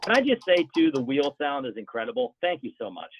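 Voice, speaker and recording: A man's voice: mid-range voice, sing-song, brisk, music in the background. A man presenting a sales webinar, bantering like a game-show host. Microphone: video call. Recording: tinny phone-like audio.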